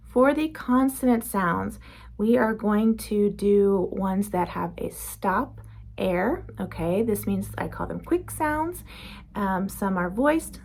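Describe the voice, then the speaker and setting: A woman teaching beginner phonics, slowly demonstrating each speech sound and how the mouth makes it. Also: mid-range voice, a bit bright. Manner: slow, careful demonstrating of sounds. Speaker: reading and spelling teacher. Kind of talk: phonics lesson.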